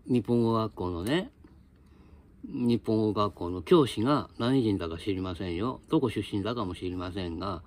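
A man's voice: lowish voice, darkish tone. A man teaching a casual spoken lesson in a blunt, colloquial, lecturing way.

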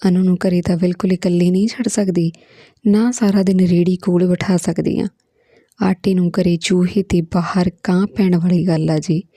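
A woman's voice: on the low side, mellow, no room sound, clean studio sound. Woman reading as a humble widowed mother. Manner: meek, pleading, folded-hands politeness.

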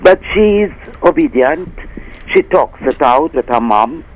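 A man's voice: on the high side, animated, unhurried, muffled recording, a little hiss or hum. An older man calling a radio show, telling folksy, rambling stories. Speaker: caller. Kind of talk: call-in radio.

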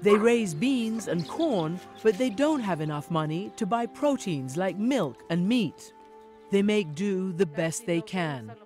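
A middle-aged woman correspondent giving a measured, earnest scripted news narration. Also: medium pitch, animated, a little mellow, soft background music.

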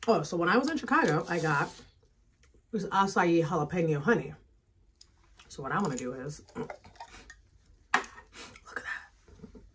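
A woman's voice: on the low side, animated, measured pace, pauses often, background noise. Chatty woman tasting snacks on camera. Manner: chatty, eating while talking, mouth full. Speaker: food vlogger. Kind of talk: casual food tasting chat.

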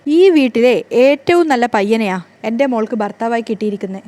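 A woman's voice: a little high, brisk, a little mellow, natural voice. A woman voicing a scheming, spiteful middle-aged mother who dotes on her daughter, in a plain reading voice. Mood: doting.

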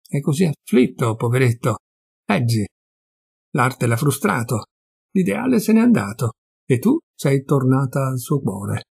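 A man's voice: mid-range voice, creaky, darkish tone, breathy edge, no room sound, studio quality, exaggerated voice. A man reading a bored, mocking young husband in an audiobook of a classic story, in a teasing, condescending way.

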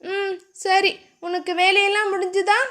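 A woman voicing an innocent, childlike young woman who talks softly and pleads sweetly. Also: extremely high pitch, little pitch movement, measured pace, pitched above the performer's own voice. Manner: soft, sleepy, pleading tone.

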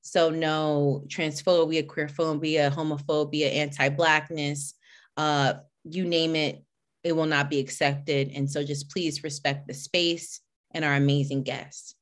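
Low-voiced woman hosting a video call. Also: flat delivery, measured pace. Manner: warm, chatty greetings, reading names from the chat. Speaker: host and executive director. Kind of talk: casual welcome and introduction on a video call.

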